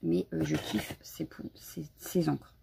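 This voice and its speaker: A woman's voice: sits low, steady tone, slow pace, gravelly, dark tone, slight background noise. A woman hosting a casual live crafting stream from home, chatty and a bit scattered, greeting viewers as she shows her supplies. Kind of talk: casual live unboxing chat.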